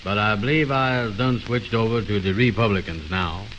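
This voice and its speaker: Self-assured and lightly acted, a low-pitched blowhard voiced by a male actor holds forth at normal speed in a 1920s radio comedy. His speech is folksy and ungrammatical, his manner pompous and muddle-headed, and his tone a bit bright. Faint hiss runs through the dull old recording.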